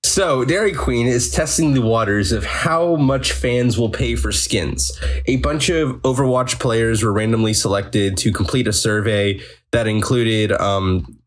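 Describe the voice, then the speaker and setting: A man's voice: medium pitch, a little slow. A man co-hosting a casual gaming podcast, teasing the others and rambling through news items with frequent restarts. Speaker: podcast co-host reading news.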